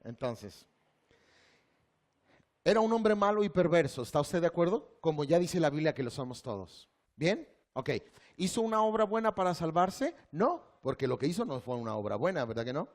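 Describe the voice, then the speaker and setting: Mexican preacher, male, high-ish lively voice, asks the crowd questions. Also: normal speed. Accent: Mexican Spanish. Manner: asks the congregation questions, acts out quotes, ends in a quiet guided prayer. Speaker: pastor. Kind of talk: sermon.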